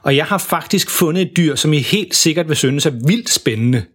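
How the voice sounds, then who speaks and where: A man doing an excitable bumbling dad. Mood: coaxing. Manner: loud, excitable, raised pitch. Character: bumbling cheerful father, middle-aged man. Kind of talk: storybook character voice.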